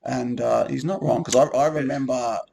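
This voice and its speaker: A man, co-hosting a relaxed, rambling chat about a gaming event. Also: mid-range voice, normal speed, gravelly, a little hiss or hum. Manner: relaxed, rambling with many ums and restarts. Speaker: co-host of a gaming group video. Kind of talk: casual chat.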